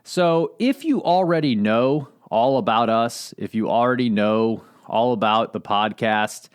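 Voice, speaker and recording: A middle-aged man co-hosting a podcast, chatting in a relaxed way and laughing easily. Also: medium pitch, a little slow, smooth. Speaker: podcast co-host. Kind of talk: casual conversational podcast.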